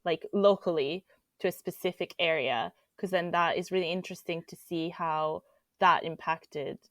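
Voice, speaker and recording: A woman's voice: fairly low pitch, steady tone, moderate pace, a bit bright, no room sound, clean studio sound. A woman co-hosting a podcast, thoughtfully summing up what the guest has said, with the odd "um". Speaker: podcast co-host. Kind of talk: podcast conversation.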